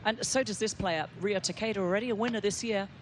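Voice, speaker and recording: A man's voice: sits high, quick pace. A man doing live play-by-play as a golf commentator on a tournament broadcast. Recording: clear outdoor background noise.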